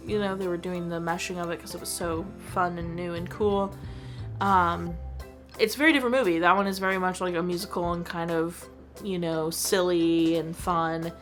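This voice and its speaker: A woman hosting her own show, giving a chatty, enthusiastic movie review full of "like.". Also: fairly low pitch. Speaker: host.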